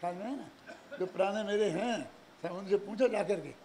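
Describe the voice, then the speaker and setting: Older Indian preacher, high and animated. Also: male voice, normal speed, a little hiss or hum. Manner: animated, rhetorical questions, chuckling asides. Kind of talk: religious discourse.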